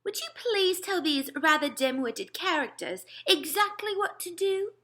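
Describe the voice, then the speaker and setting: A woman's voice: very high voice, sing-song, a little slow, bright, forceful tone, pitched above the performer's own voice, exaggerated voice. A woman voicing a regal, tactful queen, polite but firm, in a children's storybook. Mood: regal command. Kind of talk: children's storybook read-aloud.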